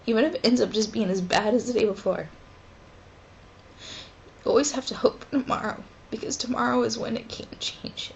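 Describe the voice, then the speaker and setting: A woman in her twenties talking haltingly and emotionally in a personal vlog from her dorm room, with pauses and sighs. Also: a little high, creaky, muffled recording, a little hiss or hum. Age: 20s. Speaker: vlogger.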